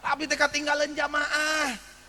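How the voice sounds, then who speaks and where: A forgetful old village granny of seventy, high and bright in tone, pleading in a fretful rush, as a man preaching puts her on. The sound rings with a long hall echo. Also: monotone, a little slow, soft background music, heavily acted. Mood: relieved. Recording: echoey hall.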